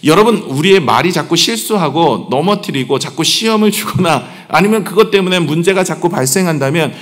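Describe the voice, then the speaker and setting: A man's voice: a little high, expressive, a little fast, a bit bright. A middle-aged man, the senior pastor, preaching a sermon in a conversational way, asking the congregation questions and joking about himself. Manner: conversational preaching, asks the congregation questions, self-deprecating humor. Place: church sanctuary. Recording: long church hall reverb.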